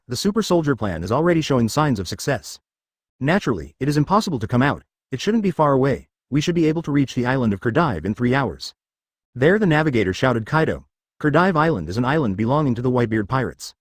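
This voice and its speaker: Guy reading a fanfic story, pitch bouncing all over, dry close sound. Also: no room sound. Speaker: narrator. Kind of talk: scripted fan fiction narration.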